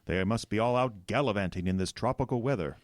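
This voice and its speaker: An actor playing a kindly, weary old Santa Claus in a folksy radio comedy drama. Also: male voice, fairly low pitch, quick pace, no echo, clean studio sound, close to an everyday voice.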